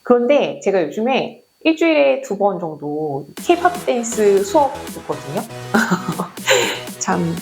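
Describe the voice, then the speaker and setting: A woman's voice: medium pitch, big pitch swings, slow, faint music behind. A woman in her forties, a doctor, giving health advice to camera in a chatty, friendly explaining way with fillers. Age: 40s.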